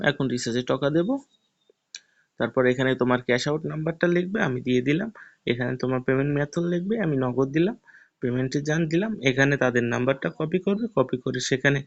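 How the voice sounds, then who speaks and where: A man, casually talking viewers step by step through a tutorial on his channel. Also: medium pitch. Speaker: YouTuber. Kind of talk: screen-recorded tutorial walkthrough. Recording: dull lo-fi voice recording.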